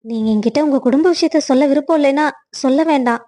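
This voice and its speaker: A woman voicing a kind young woman in a cartoon story, speaking softly and pleadingly. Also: high-pitched, fast talker, lightly acted. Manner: soft, pleading. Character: gentle young woman, kind and caring friend.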